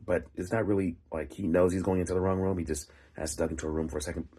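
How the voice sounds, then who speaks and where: A man with a very low, husky voice tells a story off the cuff. His tone is dark and mellow, with a phlegmy rasp. He speaks casually in short, halting phrases, pausing as he builds the tale. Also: fairly even intonation. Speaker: writer and vlog host. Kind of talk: casual rambling storytelling monologue.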